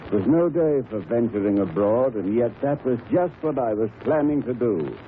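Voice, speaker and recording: Tinny old radio, actor as genial old Doctor Watson. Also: male voice, mid-range voice, expressive, normal speed, natural voice. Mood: storytelling. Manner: chatty, avuncular, savoring his tale. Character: genial old English doctor reminiscing about past adventures. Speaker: storyteller narrator. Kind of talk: 1930s radio drama acting. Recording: tinny, hissy 1930s radio recording.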